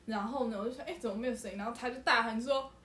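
Expressive woman co-host, fairly high voice. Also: rapid-fire. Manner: expressive, exclaims and laughs while recounting. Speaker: podcast co-host. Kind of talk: casual chat. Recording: roomy echo, faint background noise.

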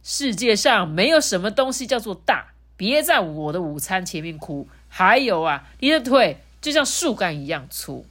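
A woman's voice: medium pitch, sing-song, normal speed, hardly any pauses, fairly bright tone. A woman voicing a rude, hungry male elephant bully who sneers and snorts as he talks. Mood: sneering.

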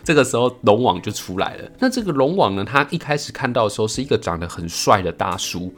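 Playful, laughing podcast host. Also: male voice, medium pitch, very animated, fast talker. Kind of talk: storytelling podcast chat.

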